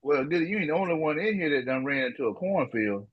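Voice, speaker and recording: A man with a husky voice and lively, swinging pitch chimes in with quick interjections. He acts out quoted lines while joking with friends on a podcast. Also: muffled recording. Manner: animated interjections and quoted asides. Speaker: podcast co-host. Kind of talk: casual chat among friends.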